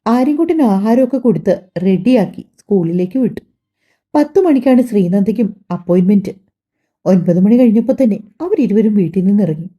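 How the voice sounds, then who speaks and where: A woman reading a family drama audiobook aloud, telling the story softly and voicing every character herself. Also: mid-range voice, lively intonation, a little fast. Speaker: audiobook narrator.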